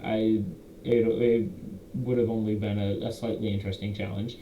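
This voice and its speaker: A man's voice: fairly low pitch, flat delivery, lo-fi sound. Rambling young man in an echoey room. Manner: rambling, self-correcting, quotes players in quick asides. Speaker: game master recapping a campaign. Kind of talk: casual recap monologue. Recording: roomy echo, faint background hiss.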